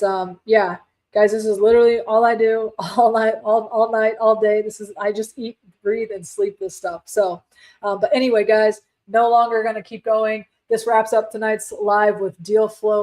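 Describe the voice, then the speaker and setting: Woman host, casual live-stream talk, chatty with fillers, firm and direct, mid pitch. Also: level tone, normal speed, darkish tone, poor audio. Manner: chatty, many fillers and restarts. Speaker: livestream host, real estate wholesaler.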